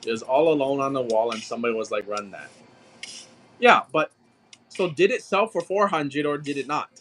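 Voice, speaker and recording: A man's voice: mid-range voice, fairly quick, a bit bright, slight background noise. A man hosting a livestream, talking in a blunt, exasperated way and swearing often. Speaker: livestream seller. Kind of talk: casual livestream chat.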